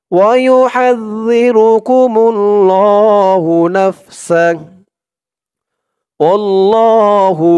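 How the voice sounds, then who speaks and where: A man teaching Quran reading, explaining each letter and rule, then chanting the verse slowly and drawn out. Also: fairly high pitch, warm tone, no room sound, clean studio sound. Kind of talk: step-by-step recitation lesson.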